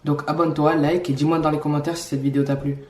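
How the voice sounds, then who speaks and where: A man's voice: on the high side, flat delivery, fast, a little mellow, distant mic. A young man, chatting casually as he reacts to videos, laughing and repeating himself. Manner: chatty, laughs often, repeats phrases, slangy. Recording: roomy echo, voice set back from the mic.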